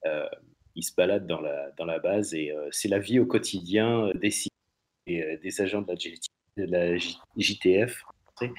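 A man talking casually on a podcast, halting and repeating himself as he searches for words. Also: sits low, a little mellow.

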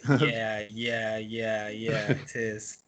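A man on a football podcast panel, giggly and excited. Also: fairly low pitch, takes it slowly, a crowd in the background. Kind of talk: casual podcast chat.

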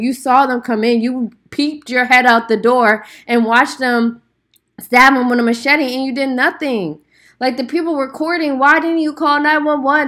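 A woman hosting a casual solo podcast, talking in an emphatic, indignant, slangy and conversational way. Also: medium pitch. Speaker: podcast host.

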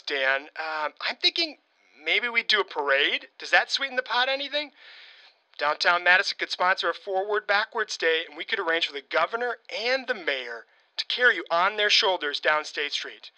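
A man's voice: high voice, sharp tone, smooth, dry recording, full character voice, low-quality recording. A man doing an overeager voicemail pest. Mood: pushy. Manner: rambling, pleading, awkwardly persistent. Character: overeager pushy local booster man begging to be a guest. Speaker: comedy sketch caller. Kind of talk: leaving a string of voicemail messages.

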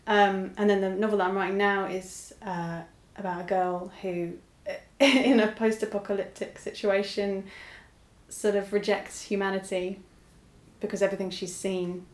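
A novelist appearing as a guest chats casually, laughing often and poking fun at herself. Her voice is medium-pitched with fairly even intonation and a moderate pace, and the sound is reverberant.

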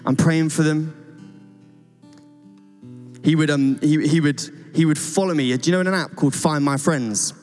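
A man's voice: a little high, brisk, few pauses. A young man, a youth pastor, giving an earnest, rambling church talk with many restarts. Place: church stage. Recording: church hall reverb with soft guitar.

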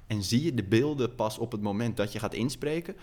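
A man interviewing an actor, asking calm, curious questions. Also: fairly low pitch, fairly quick.

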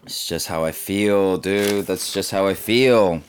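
Young man from Southern California, slangy cynical vlogger, lower pitch. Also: slow, a little hiss or hum. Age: 20s. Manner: laid-back, slangy, cynical, full of fillers. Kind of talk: casual rambling monologue.

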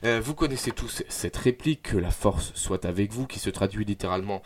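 A man's voice: lowish voice, fairly quick. A man presenting a live local radio news bulletin from a studio, talking with many hesitant filler sounds.

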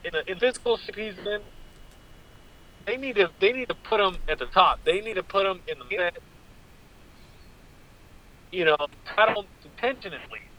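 A high-pitched man comes through a choppy phone line that keeps breaking up. He talks bluntly and swears freely, often stumbling and repeating words as he goes. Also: lively intonation, normal speed, long pauses, pushed and bright. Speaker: co-host calling in by phone. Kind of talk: casual podcast chat.

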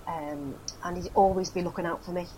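Chatty middle-aged woman, low voice. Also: steady tone, fairly quick, mellow, slight background noise, rough recording. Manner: chatty, laughs often, trailing fillers. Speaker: guest, actress. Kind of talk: casual chat, reminiscing.

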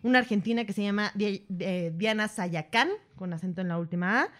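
A woman in her thirties with a Mexican accent, co-hosting a casual podcast chat in a slangy, animated way. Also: medium pitch, quick pace. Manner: slangy, animated, laughs often. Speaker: podcast co-host.

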